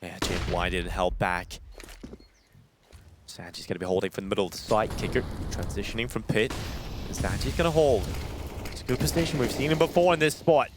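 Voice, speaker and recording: A man's voice: lowish voice, a little fast, noisy background. A man working as an esports caster, calling live play-by-play in dramatic, punchy short phrases. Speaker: esports commentator. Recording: game gunfire and clicks behind voice. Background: game gunfire and clicks.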